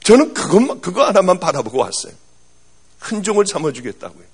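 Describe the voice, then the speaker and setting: A man preaching a sermon as a pastor, telling a personal story in a lively storytelling manner. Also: high voice, fast, creaky, breathy edge. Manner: animated storytelling, swinging from loud to hushed.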